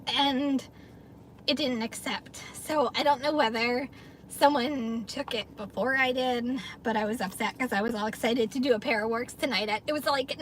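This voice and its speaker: A woman's voice: on the high side, a bit bright, slight background noise. Chatty woman livestreaming from her car. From New York area, US. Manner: chatty, upbeat, laughs often. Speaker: livestream host, gig delivery driver. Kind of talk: casual livestream chat reading viewer comments.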